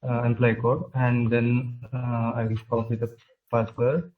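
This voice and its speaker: A man pitching his team's project in a product demo, talking over a video call while sharing his screen, halting and full of filler sounds. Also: flat delivery. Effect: video call audio while sharing his screen. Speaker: hackathon team presenter. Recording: muffled video call audio.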